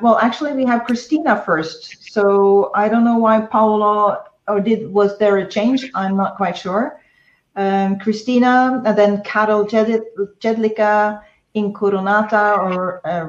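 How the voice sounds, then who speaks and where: Woman hosting an online event, slow and full of ums, roomy dull call audio. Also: mid-range voice. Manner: hesitant, many fillers. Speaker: event moderator. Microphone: video call.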